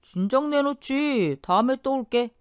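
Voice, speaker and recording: A woman's voice: sits high, lively intonation, a little slow, smooth, no room sound, clean studio sound, pitched above the performer's own voice. A woman doing a hot-tempered, greedy father. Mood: irritable. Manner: shouting, irritable, demanding. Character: shameless middle-aged father, greedy and quick-tempered. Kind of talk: audio drama reading.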